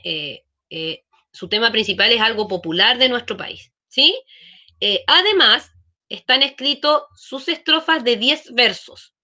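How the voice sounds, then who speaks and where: A woman's voice: fairly high pitch, pushed and bright. A woman teaching an online class, explaining patiently and checking in with frequent questions. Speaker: schoolteacher.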